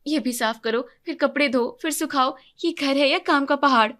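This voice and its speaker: A frazzled young mother in a cartoon story, voiced by a woman. She has a higher, bright, pointed voice and complains with little patience. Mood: exasperated. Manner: exasperated, complaining, quick to flare up. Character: overworked young wife and mother, easily irritated. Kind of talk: animated storybook voice acting.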